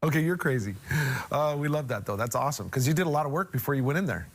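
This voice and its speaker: A man's voice: on the high side, animated, quick pace. A man hosting a morning TV show, talking in a chatty, enthusiastic way with stumbling restarts. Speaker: TV show host.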